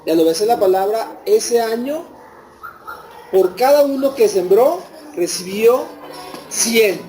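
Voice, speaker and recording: A man's voice: high-pitched, lively intonation, unhurried, dark tone, soft background music, rough recording. A man with a Mexican Spanish accent preaching a sermon to a congregation. He retells scripture as a story and puts rhetorical questions to his listeners.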